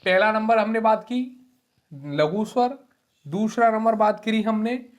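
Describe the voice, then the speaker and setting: Casting note: male teacher in an exam-prep lecture, patient, repetitive, drags vowels out to demonstrate them. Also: sits high. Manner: explains slowly, repeats key terms and keeps saying "ठीक है". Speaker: Hindi teacher.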